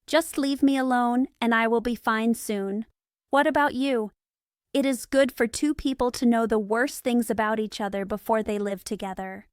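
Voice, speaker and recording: A calm, precise young detective, as a woman reads him in an audiobook. The voice is smooth and fairly high, with a dry, close sound and no room around it. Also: moderate pace, no room sound, lightly acted. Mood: matter-of-fact. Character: sharp, eccentric young male detective.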